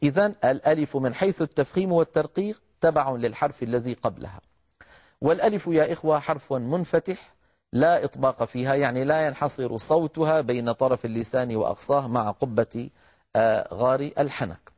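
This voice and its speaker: Man, middle-aged, recitation teacher, measured explanatory lecture, medium pitch. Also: darkish tone. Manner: measured, explanatory, addresses listeners as brothers. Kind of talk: instructional lecture on letter articulation.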